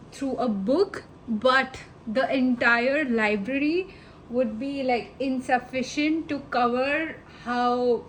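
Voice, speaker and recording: A woman's voice: a little high, a little hiss or hum, low-quality recording. A woman giving a casual tarot reading to the viewer, affectionate and rambling, calling them babe and honey. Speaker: tarot reader.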